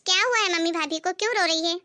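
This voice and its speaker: A woman's voice: very high-pitched, fast talker, sharp tone, no echo. A woman voicing a kind young married woman who talks with concerned insistence in a cartoon story. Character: kind caring young married sister-in-law.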